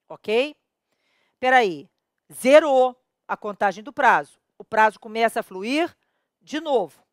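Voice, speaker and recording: A Brazilian woman teaching criminal law in a slightly high voice, recorded dry and close. She is emphatic, counts dates out loud and stops to correct herself. She keeps checking in with the viewer. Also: no room sound. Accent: Brazilian Portuguese. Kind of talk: whiteboard lecture on criminal law.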